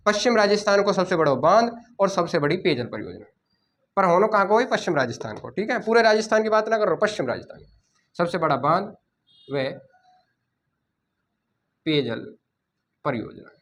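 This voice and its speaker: A man teaching a coaching class, dictating notes and repeating key words slowly so students can write them down. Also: high-pitched, lively intonation, fairly bright tone.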